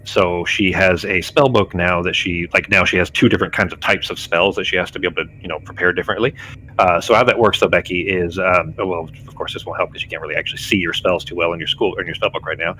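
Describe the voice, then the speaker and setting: A man's voice: deep voice, fairly even intonation, quick pace, bright, forceful tone, slight background noise, poor audio. A man speaking as game master, casually explaining the rules of a tabletop game.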